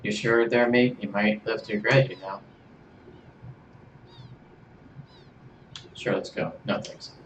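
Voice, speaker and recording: A man voicing a brash young woman fighter in a video game, with a rough put-on Australian-British accent and a slangy, cocky way of talking. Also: on the low side, fairly even intonation, a little fast, a bit bright, slight background noise. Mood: teasing. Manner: cocky, slangy, calls people mate. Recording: roomy room, faint game music.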